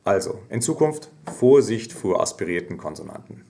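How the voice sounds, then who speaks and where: A man giving a singing lesson, explaining technique calmly and singing short demonstration phrases. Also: fairly low pitch, normal speed, creaky. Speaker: singing teacher.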